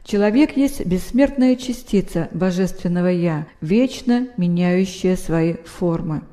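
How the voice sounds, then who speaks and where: A woman narrating a nonfiction book in a measured, even reading. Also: on the low side. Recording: long hall reverb.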